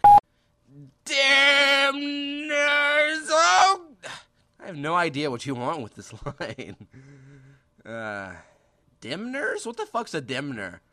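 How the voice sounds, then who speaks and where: A male voice actor joking through his own outtakes, animated and laughing at himself. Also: medium pitch, measured pace, no room sound.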